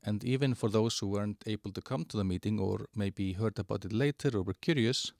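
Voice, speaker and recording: A man giving a halting walkthrough of an online platform, with many fillers and restarts. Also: on the low side, gravelly, a little mellow, no echo, studio quality. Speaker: presenter of a digital platform. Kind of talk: screen-share product walkthrough.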